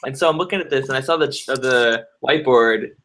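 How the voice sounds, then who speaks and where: A man's voice: medium pitch, fast talker, fairly bright tone. A man in his twenties in casual chat on a video call, chatty and laughing often. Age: 20s.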